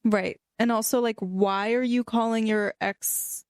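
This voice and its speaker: A woman's voice: on the high side, steady tone, unhurried, clear, resonant tone, dry recording. A woman co-hosting a podcast in casual chat, with a blunt, dramatic way of retelling. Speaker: podcast co-host.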